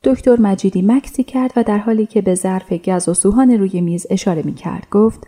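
Woman narrator, radio drama, mellow, warm voice, calm, even. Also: medium pitch. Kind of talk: scripted narration.

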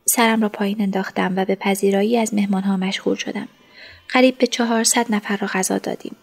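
Woman narrator, first-person audiobook, soft and hushed. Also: medium pitch, fairly even intonation, gravelly.

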